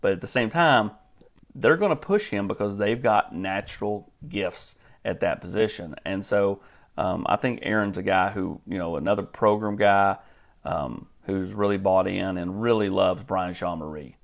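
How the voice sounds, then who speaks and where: A man talking as a guest analyst on a sports podcast, measured and filler-heavy, often repeating words. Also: deep voice, gravelly. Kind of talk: casual podcast chat.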